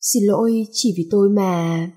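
A woman voicing a stubborn, proud young heroine with a husky, mellow voice in a read-aloud story. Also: mid-range voice, unhurried. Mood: tearful.

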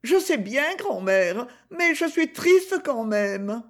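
A woman reading a story aloud and voicing a fifteen-year-old girl, speaking softly and plaintively with some hesitation. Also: on the high side, sing-song, slow pace, pitched above the performer's own voice, heavily acted. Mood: sad.

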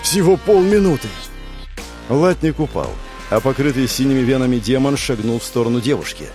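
A man narrating a fantasy audiobook with a lively, expressive reading. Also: medium pitch, brisk, faint music behind.

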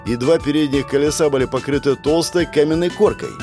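A man's voice: a little high, a little fast, over music. A man narrating a first-person fantasy audiobook in a tense, dramatic way.

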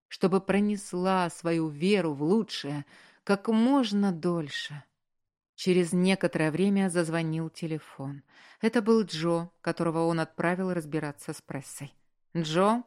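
A woman reading a story aloud in measured, earnest scripted narration, as an audiobook narrator. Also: lowish voice, a little mellow.

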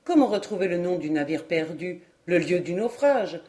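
Lady reading a terse old major, dry and agreeable, lowish warm voice, storybook. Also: animated, normal speed, natural voice. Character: agreeable older army major, dry and laconic.

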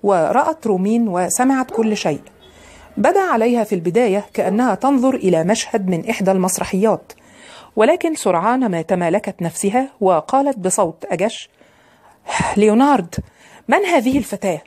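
Woman reading an audiobook, steady and measured, middle pitch. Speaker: audiobook narrator. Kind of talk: scripted narration.

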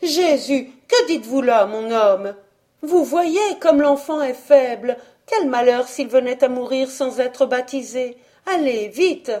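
A woman reading an audiobook, voicing a devout, timid young peasant woman with high, pleading exclamations. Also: slow pace, warm tone. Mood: urgent.

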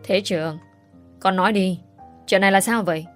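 A woman's voice: medium pitch, normal speed, close to an everyday voice. A woman voicing a fussy middle-aged mother-in-law who scolds and exclaims, with faint music behind. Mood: scolding.

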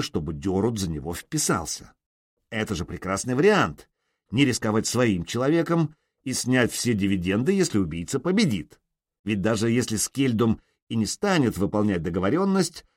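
A man's voice: lowish voice, slightly rough, no room sound, studio quality. A man narrating an adventure audiobook, reading expressively. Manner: expressive reading with shifting character voices. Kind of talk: scripted narration.

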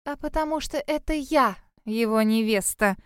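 A woman's voice: a little high, big pitch swings, moderate pace, smooth, dry recording, clean studio sound. A woman voicing a spiteful, catty young woman who taunts her rival in a sneering tone. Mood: shrill. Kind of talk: audiobook character voice.

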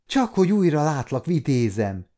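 A man's voice: fairly high pitch, sing-song, mellow, voice pushed up. A man voicing a tearful young maid. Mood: tearful joy. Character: young girl, tearful and defiant kitchen maid.

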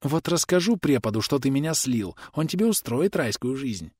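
A man's voice: mid-range voice, very animated, normal speed, slightly rough, no room sound, clean studio sound. A man voicing a cheeky young woman who plays a mock-servile maid and then snaps back sharply. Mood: scornful. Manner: sly mock-submissive, then sharp and whining.

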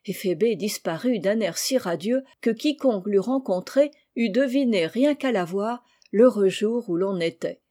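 A woman reading a children's novel aloud in a gentle, even storybook style, lightly voicing the characters' lines. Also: medium pitch, moderate pace, hardly any pauses. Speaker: audiobook reader. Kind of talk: storybook narration.

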